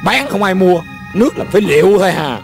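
A man playing a suspicious accomplice in a comedy sketch, with a scoffing, quick-witted manner. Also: high-pitched, animated, vocal fry. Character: suspicious young male accomplice. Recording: faint music behind.

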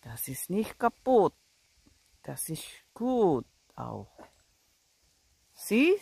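Excited woman vlogging in a forest. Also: lowish voice, drawn-out words, vocal fry, slightly rough, no echo. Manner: excited exclamations, mixing English and German. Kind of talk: casual vlog narration. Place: outdoors in a forest.

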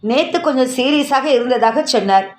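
A woman reading the lines of a kind, frank family doctor in a gentle, matter-of-fact way. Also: high voice, normal speed, roomy sound, close to an everyday voice.

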